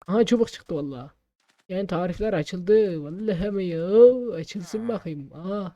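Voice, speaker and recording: Mellow muttering gamer man. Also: high voice, no room sound. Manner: mutters to himself with quick exclamations. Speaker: gamer playing a role-play. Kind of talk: casual let's play commentary.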